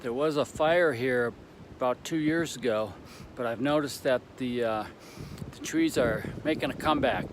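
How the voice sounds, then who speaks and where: Halting man, noisy outdoor trail vlog. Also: medium pitch. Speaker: hiker vlogger on a long trail. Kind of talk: casual, unscripted trail vlog. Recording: outdoor ambience with clear background noise.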